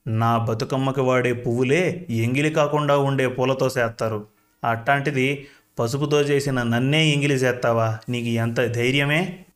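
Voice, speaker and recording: A man's voice: mid-range voice, steady tone, moderate pace, natural voice. A man voicing a proud, scheming village woman. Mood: commanding. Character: proud woman feigning a goddess possession.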